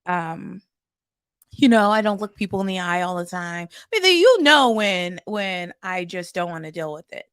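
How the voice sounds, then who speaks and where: A woman's voice: fairly low pitch, sing-song, moderate pace, a bit bright, clear, resonant tone, dry recording, studio quality. A woman co-hosting a casual relationship chat, hesitant, searching for words and laughing easily. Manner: hesitant, many fillers and restarts, laughs often. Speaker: podcast co-host.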